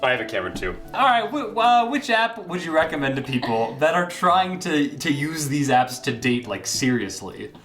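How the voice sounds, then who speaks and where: A man's voice: on the high side, sing-song, moderate pace, hardly any pauses, fairly bright tone, soft background music. A man hosting a casual interview, asking easygoing follow-up questions. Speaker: host and interviewer.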